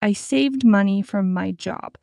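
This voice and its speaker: Woman as a young storybook dreamer, slow and clear, slightly gravelly, dry close sound. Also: medium pitch, dark tone, no echo. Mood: calm. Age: 20s. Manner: slow, clear, each sentence said twice. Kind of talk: scripted story for repeat-after practice.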